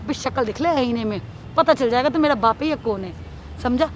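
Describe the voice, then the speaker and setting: High-voiced pleading woman on a street. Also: lively intonation, fairly quick, a little hiss or hum. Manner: abusive then tearful and pleading. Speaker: woman confronted in a staged street prank video. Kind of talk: heated street confrontation, pleading. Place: outdoors on a city street.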